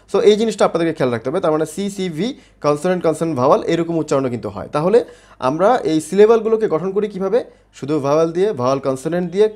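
A man's voice: on the high side, darkish tone. A man teaching an online spelling lesson, explaining step by step, spelling words out letter by letter and often checking in with the viewers. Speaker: English teacher.

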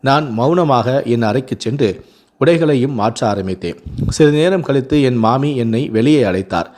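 A man narrating a sad first-person story in a measured, somber reading voice with slow pauses. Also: mid-range voice, animated, darkish tone.

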